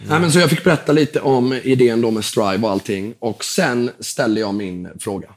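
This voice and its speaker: A man, a guest entrepreneur in a casual interview, telling an animated story and acting out the dialogue, dropping in English words and the odd swear. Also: medium pitch. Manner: casual, swears now and then.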